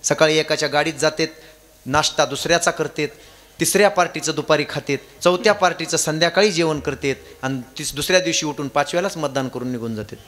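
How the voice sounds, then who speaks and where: Preacher guy, kinda high voice, storytelling kirtan, goes loud then quiet. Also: quick pace. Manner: dramatic swings from loud chanting to soft asides, chuckling. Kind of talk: Marathi kirtan sermon with storytelling.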